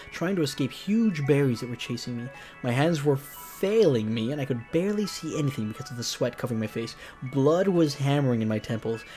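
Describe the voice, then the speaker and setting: A let's player with a mid-range, darkish male voice narrates a visual novel aloud over background music. He is casual and slangy, tossing in joking asides as he goes.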